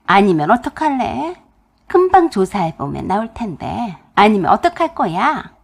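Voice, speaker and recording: A woman voicing a harsh, money-minded older mother-in-law who scolds loudly and interrogates, in a husky voice. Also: mid-range voice, sing-song, moderate pace, full character voice. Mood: scolding.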